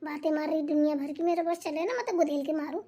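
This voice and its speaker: A scheming young daughter-in-law from a cartoon comedy plays sweet and worried, then gloats in sly asides, voiced by a woman. Her voice is very high and squeaky. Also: steady tone, fast, warm tone, close to an everyday voice. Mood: gloating.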